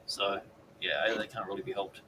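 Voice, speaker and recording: An Australian man hosts a live podcast in a relaxed, crude and deadpan way. He reads out chat messages and tosses off jokes. Faint background noise sits under his voice. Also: fairly low pitch, moderate pace. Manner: crude joking, deadpan asides. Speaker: podcast host. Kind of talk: casual live-stream chat, reading chat messages.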